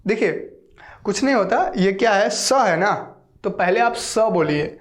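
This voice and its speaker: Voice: medium pitch, animated. A geography teacher giving an online class, speaking patiently, repeating words and sounding them out syllable by syllable, often checking in with the listener. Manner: patient, repeats words and drills pronunciation slowly.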